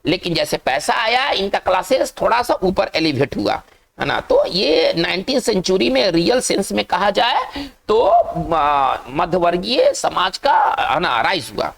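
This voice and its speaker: Gravelly Hindi-speaking vocabulary teacher. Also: male voice, sits high, sing-song, fairly bright tone. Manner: repeats words slowly, frequent "है ना" tags. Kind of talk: classroom lecture in Hindi with English terms.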